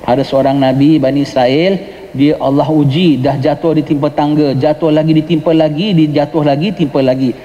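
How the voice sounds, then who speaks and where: The voice belongs to a man with a fairly high pitch, a dark, steady tone and a normal speed, speaking with a Johor Malay accent. As a religious teacher, he gives a mosque lecture on a religious text, explaining patiently, mixing in English and asking the listeners "ha?". The recording is muffled, with long reverb from the mosque hall.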